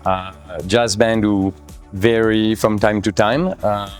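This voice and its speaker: A friendly man speaks as a restaurant guest. His voice sits low and he talks in quick bursts. Faint music plays behind him. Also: steady tone. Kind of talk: interview guest.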